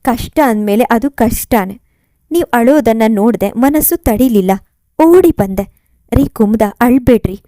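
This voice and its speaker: A woman's voice: a little high, lively intonation, measured pace, warm tone, no echo, studio quality. A woman voicing an earnest, grieving young man in a storybook reading, with a pleading, emotional manner.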